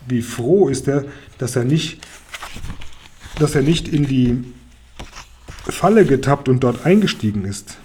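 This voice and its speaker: Mellow, husky male storyteller. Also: mid-range voice. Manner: lively storytelling. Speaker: narrator. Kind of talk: audiobook narration for children.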